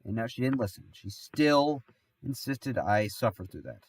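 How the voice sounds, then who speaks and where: A man's voice: medium pitch, expressive, moderate pace, no echo, recorded from a distance. A man with a stuffy nose from being sick, telling a rambling story on a livestream, full of restarts and fillers. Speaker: streamer.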